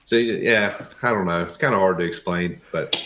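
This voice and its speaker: A man with an Appalachian accent and a fairly low voice talks casually in an interview. He sounds like a tradesman, plainspoken and folksy. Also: normal speed, noisy background. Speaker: interview guest, wood flooring tradesman.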